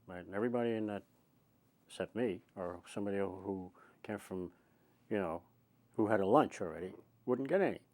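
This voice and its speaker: A man's voice: lowish voice, brisk, long pauses, darkish tone. An older man with an Irish accent, chatting in a rambling storyteller's way as he reminisces in an interview. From Ireland. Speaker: oral history interviewee. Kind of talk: conversational reminiscence.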